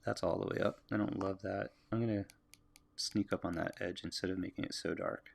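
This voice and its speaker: A lowish, gravelly American male voice talks casually as he works on a drawing. He muses aloud and answers viewers' comments in a relaxed, easygoing way. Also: brisk. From United States. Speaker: artist livestreaming a drawing.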